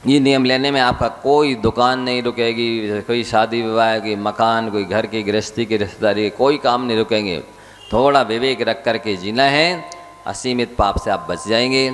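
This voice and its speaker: A male monk preaches a Jain sermon at a middle pitch, pressing his listeners with rhetorical questions. His voice carries a long hall reverb. A faint hum sits underneath. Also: steady tone, moderate pace, a bit bright. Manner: exhorting, rhetorical questions to audience.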